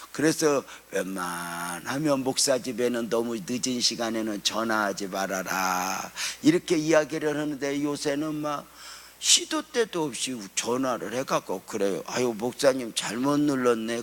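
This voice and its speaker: Fervent Korean pastor in reverberant church. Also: male voice, animated, a little slow. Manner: fervent preaching, bursts of higher louder emphasis, then hushed storytelling. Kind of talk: sermon. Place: church sanctuary.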